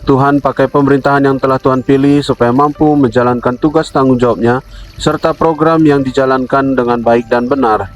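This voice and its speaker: A man's voice: mid-range voice, fairly even intonation, a little hiss or hum, rough recording. Solemn man leading a devotional. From Indonesia. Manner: solemn, measured, addresses listeners as brother. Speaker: devotional speaker.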